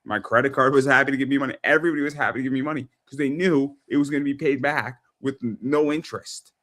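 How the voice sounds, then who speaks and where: Host, male, 30s, casual interview; excitable, stammers and repeats words; medium pitch. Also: quick pace.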